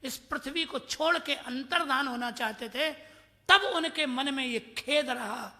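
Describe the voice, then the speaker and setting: A devotional speaker in his fifties from Mathura tells scripture stories and recites Sanskrit verses, slipping into the voices of his characters. His voice is very bright and ringing. Long reverb trails off each line in the hall. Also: very high-pitched, measured pace. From Mathura, India. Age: 50s. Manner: storytelling, quoting Sanskrit verses; acts out voices in his anecdotes. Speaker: religious discourse speaker.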